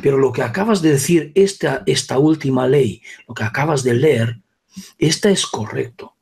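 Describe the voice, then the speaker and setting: A man's voice: mid-range voice, moderate pace, creaky, darkish tone. A man teaching a spiritual session, speaking emphatically and often checking that his listeners follow.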